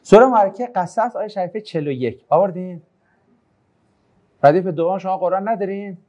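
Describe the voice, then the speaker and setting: Male preacher teaching a class, high mellow voice, recites verses, then bursts into exclamations. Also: lo-fi sound. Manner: animated, swings between soft asides and raised exclamations; recites Arabic verses then explains them. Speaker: religious teacher. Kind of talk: Quranic lesson sermon to a class.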